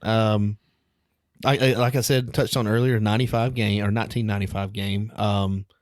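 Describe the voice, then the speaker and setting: Upbeat man with a low voice. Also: level tone, normal speed, dry recording, studio quality. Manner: chatty and upbeat, laughs easily. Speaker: podcast co-host. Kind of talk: casual chat.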